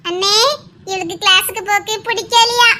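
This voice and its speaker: A performer playing a very high-voiced, emotional young woman. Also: steady tone, normal speed, noisy background. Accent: Tirunelveli Tamil. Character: emotional young woman visiting her friend.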